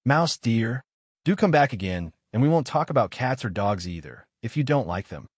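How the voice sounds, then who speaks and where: A man's voice: medium pitch, sing-song, moderate pace, slightly rough, no room sound, studio quality. A man voicing a polite, eager little girl in a storybook, chatty, earnest and apologetic in manner. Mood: soothing.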